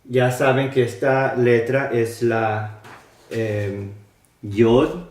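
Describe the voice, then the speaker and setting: Slow, deliberate man teaching letters. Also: mid-range voice, darkish tone, roomy sound, recorded from a distance. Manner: slow and deliberate, spelling out letters and sounds, with hesitations. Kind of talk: slow lesson on alphabets.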